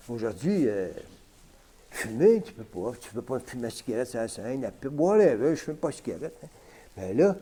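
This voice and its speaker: A Québécois vlogger rambles casually at home while smoking on camera, his unedited talk packed with fillers like "hein" and "man." His voice is on the high side with a dark tone.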